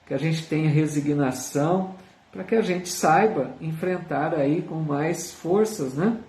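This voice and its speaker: With a slightly high, slightly mellow voice and a somewhat slow pace, a man with a Brazilian Portuguese accent runs a live Spiritist study online. He teaches earnestly, leans on tag questions, and reads viewers' comments aloud, all picked up from a distance in a roomy space.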